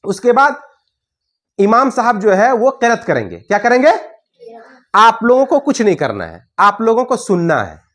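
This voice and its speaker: Woman teaching prayer, slow recitation. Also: on the high side, big pitch swings. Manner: repeats points, quizzes listeners, slow drawn-out Arabic recitation; moves through prayer postures while talking. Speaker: religious teacher. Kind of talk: prayer instruction with demonstration.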